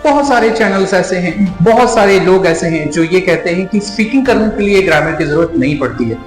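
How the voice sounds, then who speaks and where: A man's voice: high voice, animated, brisk. A man with an Indian accent explains step by step, like a teacher in a lesson, calling his viewers friends. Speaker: English teacher. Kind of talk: classroom-style lesson. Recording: echoey room with long reverb, faint music.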